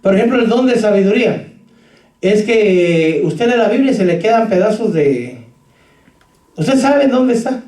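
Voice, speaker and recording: A man's voice: sits high, animated, moderate pace, darkish tone. A man preaching a sermon as pastor, telling stories and speaking straight to the congregation. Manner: storytelling, addressing the congregation directly. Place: church hall. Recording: roomy echo, voice from far off.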